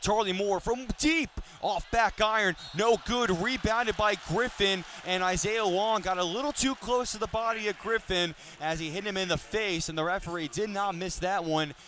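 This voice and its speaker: Over the roar of a basketball arena, a twenty-something radio announcer delivers live play-by-play in a high-pitched, pushed and bright voice. His broadcasting style is polished and full of detail.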